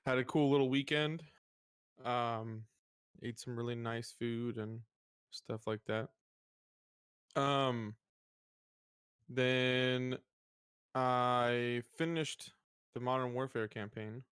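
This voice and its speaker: A man's voice: mid-range voice, fairly even intonation, takes it slowly, pauses often, a bit bright, clear, resonant tone, dry recording, studio quality. A man co-hosting a podcast in casual, conversational chat. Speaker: podcast co-host.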